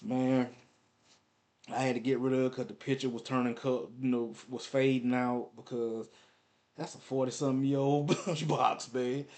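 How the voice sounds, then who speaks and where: A man in his forties telling nostalgic stories in a loose, rambling way. He uses lots of slang and filler, circles back on his own sentences, and keeps his pitch in a middle range for a man. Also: flat delivery, moderate pace, darkish tone. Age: 40s. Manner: rambling, slangy, repeats himself. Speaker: vlogger. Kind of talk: casual nostalgic storytelling.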